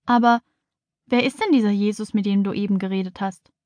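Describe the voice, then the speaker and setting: A woman's voice: medium pitch, fairly even intonation, brisk, darkish tone, dry recording, lightly acted. A woman voicing a frightened, whiny young schoolgirl in a children's audiobook. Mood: puzzled. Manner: tearful, pleading.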